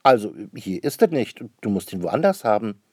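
A man's voice: fairly low pitch, very animated, normal speed, slightly rough, no room sound, studio quality. A man voicing a busy, impatient mother questioning her children in a storybook reading.

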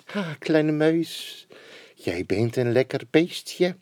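A man's voice: a little high, very animated, very slow, a little mellow, dry recording, voice pushed up, full character voice. A man voicing a sly male snake that lures its prey in a storybook reading.

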